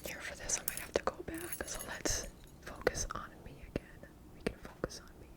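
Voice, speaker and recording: Whispering ASMR woman demonstrating nail tapping. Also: a little fast. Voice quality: breathy whisper. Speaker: ASMR creator.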